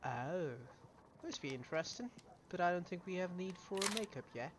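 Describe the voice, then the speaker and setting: Man, gaming streamer, casual commentary, says "yeah?" a lot, slightly high voice, noisy recording. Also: expressive, moderate pace. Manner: chatty, tags remarks with "yeah?". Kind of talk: casual let's-play commentary.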